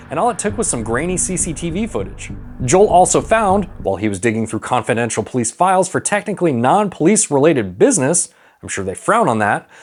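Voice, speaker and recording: A man narrates a comedic movie recap in a sarcastic, irreverent way. His pitch moves around a lot, he swears freely, and music plays behind him. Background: background music.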